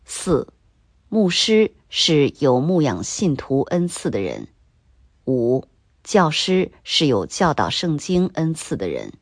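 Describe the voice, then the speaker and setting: A woman reading a scripted Bible commentary in a slow, measured, even way. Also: low-pitched, breathy edge, dry recording, clean studio sound.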